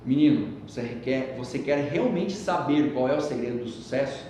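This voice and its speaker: A man voicing a calm, patient old sage who speaks slowly, low and quietly. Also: natural voice. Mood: calm, firm. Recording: echoey hall with faint rumble.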